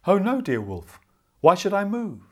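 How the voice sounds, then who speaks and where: A man's voice: high voice, huge pitch swings, unhurried, darkish tone, pitched above the performer's own voice, exaggerated voice. A man voicing a polite, clever little girl in a storybook. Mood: innocent.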